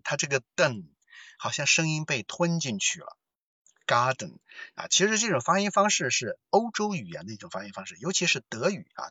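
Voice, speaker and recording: A man teaching an English lesson with a Mandarin Chinese accent, chatting in a lively way and joking about himself. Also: medium pitch, slightly rough, no echo, lo-fi sound. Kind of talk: lecture-style English lesson.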